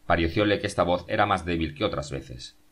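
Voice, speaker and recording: Male audiobook narrator, very low voice, steady measured read.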